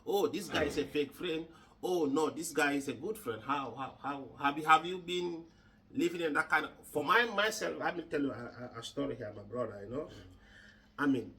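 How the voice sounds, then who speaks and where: A man from Gambia hosting a casual podcast chat, halting and repeating words with many fillers. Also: on the high side, bright, forceful tone, far from the mic, slight background noise, low-quality recording. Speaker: podcast host.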